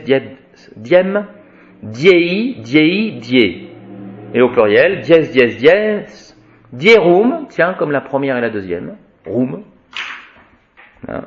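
A man gives a slow spoken Latin grammar lesson. He chants each declension in a rising and falling sing-song, his pitch moving widely. The recording sounds dull and lo-fi. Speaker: Latin teacher.

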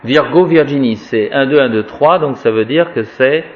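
A man's voice: medium pitch, normal speed, dull audio. A man giving an informal Latin grammar lesson. He talks in a chatty, wry way and drills declensions aloud. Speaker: Latin teacher.

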